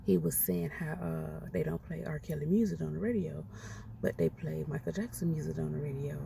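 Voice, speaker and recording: Gravelly blunt woman in her forties. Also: low-pitched, fairly even intonation, brisk, warm tone. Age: 40s. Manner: blunt, outspoken, profane. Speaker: commentator ranting on a podcast. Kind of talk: casual opinion rant. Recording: noisy, distant from the mic.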